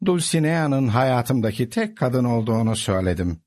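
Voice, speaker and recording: A man's voice: medium pitch, sing-song, normal speed, a little mellow. A man voicing a gallant, dignified older knight in a storybook reading, courtly in manner. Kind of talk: storybook character voice.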